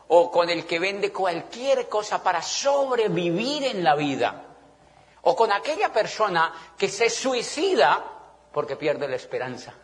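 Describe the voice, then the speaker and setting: A middle-aged man with a Colombian accent giving an animated motivational talk to a live audience, often checking that they follow him. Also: high voice. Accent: Colombian Spanish. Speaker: motivational business speaker. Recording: long reverb of a large hall.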